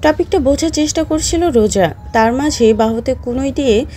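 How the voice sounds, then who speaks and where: A woman narrating an audio story in a steady storytelling manner. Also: high voice, normal speed, a little hiss or hum.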